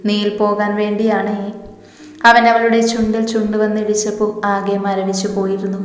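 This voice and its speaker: A woman's voice: mid-range voice, monotone, normal speed. A woman reading a romance story aloud in a colloquial way, voicing every character herself. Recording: roomy echo with long reverb.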